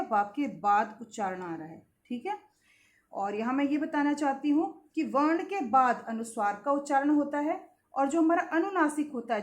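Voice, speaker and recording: A woman with a high voice, heard in a roomy space, teaches a Hindi lesson to children. She stretches out syllables and words slowly, repeating key points and putting questions to the class.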